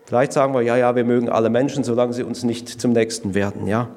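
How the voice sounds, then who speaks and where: A man preaching a sermon as pastor, earnest and measured, slowing down to stress key words. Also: mid-range voice, level tone, a little mellow, slight background noise.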